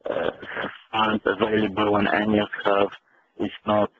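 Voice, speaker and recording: A man from Poland with a Polish accent, reading a prepared personal statement in English in an earnest, measured and slightly halting way. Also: fairly low pitch, monotone. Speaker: speaker telling his family's story. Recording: tinny lo-fi line with faint noise.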